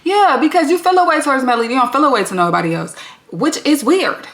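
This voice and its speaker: A woman hosting a reality TV recap, talking bluntly and with plenty of profanity in an animated, candid way. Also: high voice, fast talker. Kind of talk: candid vlog commentary. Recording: roomy echo.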